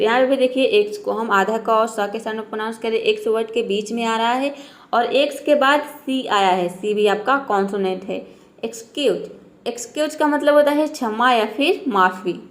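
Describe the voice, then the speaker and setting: Patient higher-voiced woman teaching English. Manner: patient, asks and answers her own questions, repeats each word slowly. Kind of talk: spoken lesson on pronunciation rules.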